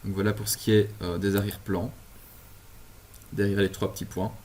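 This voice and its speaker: A man from Belgium giving a relaxed software tutorial from his apartment over a video call, with many fillers and restarts. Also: on the low side, moderate pace, a little hiss or hum. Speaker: instructor. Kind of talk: screen-share software tutorial. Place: home apartment.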